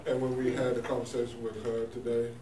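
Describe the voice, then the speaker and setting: A man's voice: mid-range voice, monotone, quick pace, crowd noise. A man in an official role explaining things informally at a meeting, folksy and sprinkling in 'you know'. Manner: folksy, uses y'all and frequent 'you know'. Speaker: housing authority official presenting. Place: indoor meeting room. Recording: echoey room, distant mic, clear noise.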